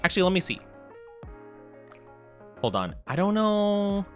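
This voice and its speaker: Bright, cute anime-streamer man, higher-pitched. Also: sing-song, measured pace. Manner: chatty, hesitant, often repeats phrases. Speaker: VTuber game streamer. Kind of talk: casual live stream chat. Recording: music under the voice. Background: music.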